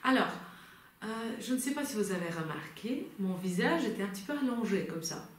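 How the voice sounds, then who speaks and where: A woman's voice: medium pitch, lively intonation, fairly quick, a little hiss or hum. A woman singing teacher guiding a vocal lesson patiently, reassuring and coaching step by step. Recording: very echoey room.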